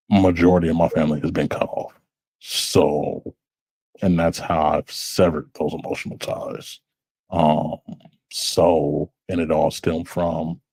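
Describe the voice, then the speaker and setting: A man co-hosting a podcast, speaking in a halting, reflective way with many fillers, in a small dry room. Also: rumbling low, creaky, darkish tone, slightly rough, dry recording. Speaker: podcast co-host. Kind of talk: casual chat.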